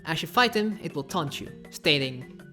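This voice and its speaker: A woman's voice: sits low, lively intonation, normal speed, a bit bright, soft background music. A woman narrating a casual video essay with sarcastic, offhand asides.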